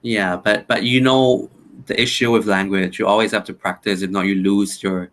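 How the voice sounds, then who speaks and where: A man's voice: fairly low pitch, steady tone, normal speed, fairly bright tone. A man chatting casually as a guest, answering in a laid-back, brief way. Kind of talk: casual chat.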